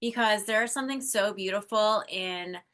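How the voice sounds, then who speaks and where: Brief: woman host, effusive and affirming, bright forward tone. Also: mid-range voice, normal speed. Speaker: podcast host. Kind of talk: casual chat.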